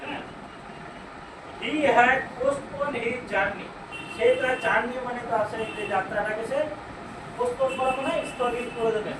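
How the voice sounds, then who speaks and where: Teaching English grammar with a Bengali accent, a man with a very high voice questions his class and then answers for them, reading sentences in English at a slow pace. The audio is noisy and reverberant, and he stands far from the microphone.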